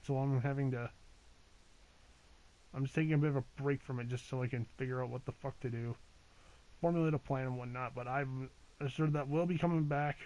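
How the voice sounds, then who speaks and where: A man's voice: mid-range voice, fairly even intonation, brisk, long pauses, a little mellow, lo-fi sound. A man giving a casual channel update as a gaming YouTuber, rambling and hesitant with many fillers, restarts and casual swearing.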